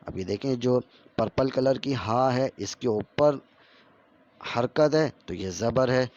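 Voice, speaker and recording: A man's voice: mid-range voice, a little mellow. Patient male Quran reading teacher. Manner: slow, drawn-out syllables when reciting drills; repeats rules over and over for learners. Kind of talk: patient step-by-step recitation lesson. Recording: slightly dull lo-fi audio.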